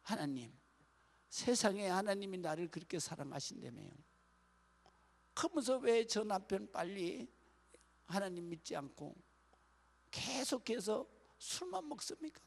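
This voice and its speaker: A man's voice: high-pitched, big pitch swings, unhurried, creaky, pauses often, exaggerated voice. A lamenting, worn-out wife, as a male pastor puts her on. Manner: lamenting, complaining prayer. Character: weary, resentful praying wife, adult woman. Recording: long church-hall reverb.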